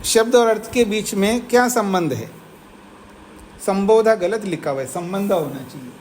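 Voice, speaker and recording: A man lectures a class in an ashram, moving steadily through a classical text. He reads each Sanskrit line slowly, then explains it in plain talk and asks his students whether they follow. A faint hiss and the hum of the room sit under his voice. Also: high voice, animated, a little mellow, poor audio. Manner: slows to read the Sanskrit text aloud. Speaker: teacher of philosophy.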